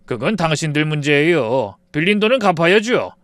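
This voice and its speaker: A man's voice: fairly high pitch, big pitch swings, normal speed, a bit bright, no room sound. A man voicing a stern, protective father who speaks sharply and formally.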